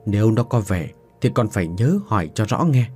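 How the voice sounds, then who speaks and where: A man doing a calm, concerned old father. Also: lowish voice, fairly quick, faint music behind, natural voice. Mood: soothing concerned. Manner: gentle, soothing, concerned. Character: calm older father, versed in the spirit world.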